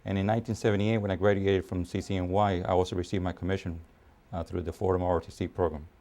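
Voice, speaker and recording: This army officer, a man in his fifties from Puerto Rico who was raised in New York City, gives a documentary interview with measured speech full of pauses and fillers. His voice is deep and mellow, held at a level tone.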